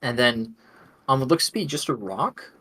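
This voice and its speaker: A man running a tabletop game, talking in a loose, chatty way and laughing often. His voice is bright and forward, at a middling pitch for a man. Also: lively intonation, normal speed, breathy edge. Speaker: game master.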